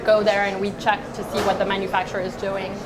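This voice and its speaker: A woman's voice: medium pitch, flat delivery, quick pace, heavy background noise. A woman from Switzerland, a skincare founder answering interview questions fluently with many fillers. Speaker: skincare company founder, guest.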